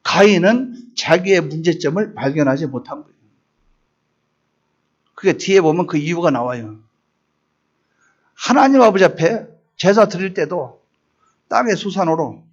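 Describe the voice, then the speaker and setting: Male pastor, high-pitched, dramatic preaching delivery, muffled church recording. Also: slightly rough. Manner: preaching with dramatic voiced quotes, rising to emphatic peaks. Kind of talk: sermon.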